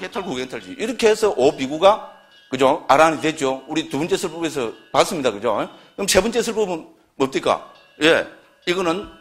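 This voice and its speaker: Middle-aged male lecturer with a Gyeongsang Korean accent, slightly high voice, chatty classroom delivery that keeps checking in with the students. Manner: keeps asking the class for agreement, lively and conversational. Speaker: Buddhist scripture lecturer. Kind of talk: classroom lecture on early Buddhist texts.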